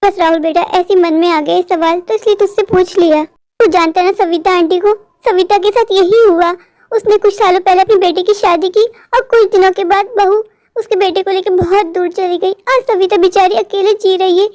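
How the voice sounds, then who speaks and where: A fussing, affectionate mother bird, voiced by a woman in a cartoon, doting on her son and fearful of loneliness. Her voice is very high. The recording is dry and close. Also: fairly even intonation, moderate pace, a little mellow, no echo. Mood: worried. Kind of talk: cartoon voice acting.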